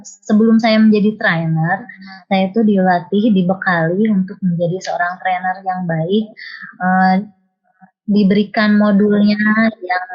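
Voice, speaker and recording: A woman's voice: medium pitch, dull audio. A woman teacher and trainer giving a formal testimonial over an online call whose audio keeps breaking up, speaking with frequent hesitant fillers. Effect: choppy call audio breaking up. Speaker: teacher and soft-skills trainer. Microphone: video call.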